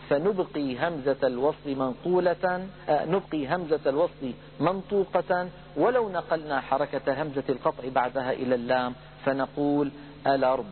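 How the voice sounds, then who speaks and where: A middle-aged male teacher lecturing on recitation rules, patiently explaining and then chanting example words slowly and drawn out. His voice sits somewhat high for a man. The recording sounds thin and phone-like, with a faint hum underneath. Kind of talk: religious lesson lecture.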